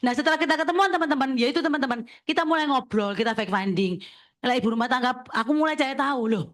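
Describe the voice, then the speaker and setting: A woman, an insurance agency leader briskly coaching listeners and checking in with them as she talks. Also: high-pitched. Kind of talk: sharing tips at a talk session.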